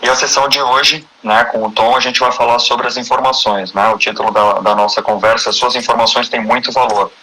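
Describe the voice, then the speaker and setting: A man's voice: mid-range voice, steady tone, brisk, hardly any pauses, sharp tone, slight background noise, poor audio. A man with a Brazilian Portuguese accent hosting a casual live-stream interview, chatty and friendly, often restarting his sentences.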